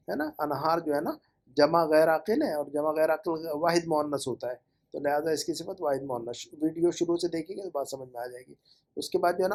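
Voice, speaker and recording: Guy teaching arabic grammar, goes over homework, repeats stuff slow and patient. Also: fairly high pitch, darkish tone. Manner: patient, correcting and repeating forms slowly. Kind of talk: homework review lesson.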